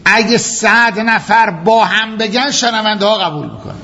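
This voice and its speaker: A man's voice: sits high, bright, forceful tone. A man teaching a jurisprudence lecture as a seminary teacher, explaining step by step, firing rhetorical questions and repeating his key points. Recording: dull lo-fi recording with faint noise.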